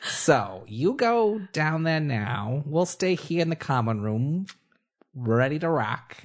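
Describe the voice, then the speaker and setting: A man's voice: a little high, very animated, takes it slowly. A man playing a tabletop game, laying out plans in a reassuring, casual way. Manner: planning, reassuring. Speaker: player.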